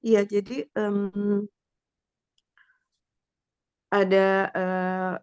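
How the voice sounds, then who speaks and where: A woman's voice: medium pitch, little pitch movement, a little mellow, smooth, no echo. Woman on a choppy, breaking-up call. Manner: halting, full of pauses and filler sounds. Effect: choppy, breaking-up online call audio. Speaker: student asking a question. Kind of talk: hesitant question in an online class. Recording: dull lo-fi online call audio.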